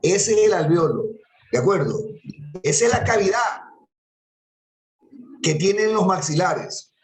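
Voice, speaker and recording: A man's voice: sits high, animated, measured pace, echoey room, low-quality recording. A man teaching an anatomy class, patiently repeating terms and quizzing his students. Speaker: anatomy lecturer. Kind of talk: classroom lecture.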